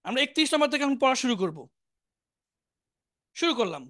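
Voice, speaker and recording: A woman with a Bangladeshi accent teaching an online spoken English lesson, drilling each word slowly and repeating every form. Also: high voice, big pitch swings, fairly bright tone.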